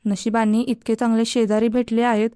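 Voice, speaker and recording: A woman's voice: on the high side, level tone, brisk, mellow, clear, resonant tone, dry recording, studio quality, lightly acted. A woman voicing a stern middle-aged mother who scolds her daughter, in a spoken storybook. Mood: scolding.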